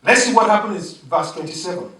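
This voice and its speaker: A pastor preaches to his congregation, animated and chuckling as he goes, calling for responses. His voice sits a little high for a man. The church is echoey and he sounds set back from the mic. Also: quick pace, distant mic. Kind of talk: sermon.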